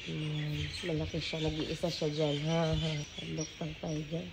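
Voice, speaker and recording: Cooing woman vlogging outdoors, gravelly. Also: low-pitched, completely flat delivery, measured pace, very noisy. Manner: cooing, baby-talks to the animals. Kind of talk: casual zoo-visit vlog commentary. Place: outdoor zoo with animals. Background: birds, roosters and outdoor ambience.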